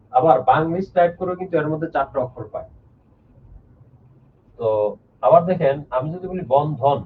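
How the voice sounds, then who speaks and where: A man's voice: fairly high pitch, distant mic, a little hiss or hum. A man teaching a live online grammar lesson, explaining step by step, repeating key points and reading out viewers' names. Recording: lo-fi phone-like sound from off the mic.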